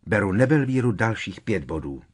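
A stern older female professor who barks out short, clipped reprimands, as a male narrator puts her on. Her voice is husky and sits low for a woman. She tolerates no argument. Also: sing-song. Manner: clipped, sharp, scolding.

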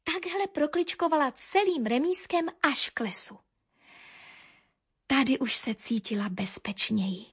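A woman narrating a children's animal story with a lively, expressive reading. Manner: lively expressive reading, dropping low for asides.

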